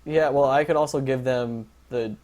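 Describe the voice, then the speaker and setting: On a casual livestream, a young man who organizes a league briefs the drivers. His medium-pitched, slightly mellow voice stays steady at normal speed. He rambles, jokes and uses lots of fillers.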